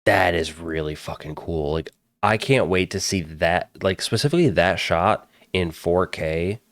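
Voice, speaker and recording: A man's voice: deep voice, a little slow, no room sound. A man hosting a podcast, chatting casually and bluntly about a movie trailer, swearing now and then. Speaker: podcast host reacting to a trailer. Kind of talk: casual trailer reaction commentary.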